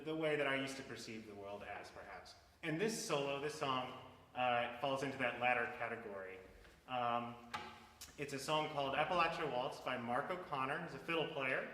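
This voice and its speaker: A reverberant hall carries the bright voice of an American man speaking through a face mask. He talks informally and reflectively, pausing as he searches for words, like a musician introducing his piece. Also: mid-range voice. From Florida, United States. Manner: halting, reflective. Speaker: cellist introducing a solo piece. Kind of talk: informal spoken introduction at a concert. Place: indoor performance hall. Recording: echoey hall with long reverb.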